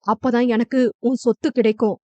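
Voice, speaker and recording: Woman doing a greedy villain husband, sneering, menacing, quick, dry close sound. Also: on the high side, level tone, dark tone, dry recording, muffled recording, close to an everyday voice. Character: scheming greedy middle-aged husband, villain.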